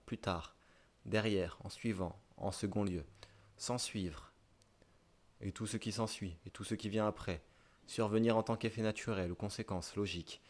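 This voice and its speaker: A man with a southern French accent, a streamer reading dictionary definitions aloud live in short listed phrases, with offhand asides. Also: fairly low pitch. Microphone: streaming microphone.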